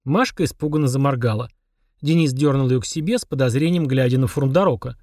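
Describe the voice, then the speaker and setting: A man narrating an audiobook in an even storytelling manner. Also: mid-range voice, fast talker, dry recording, clean studio sound.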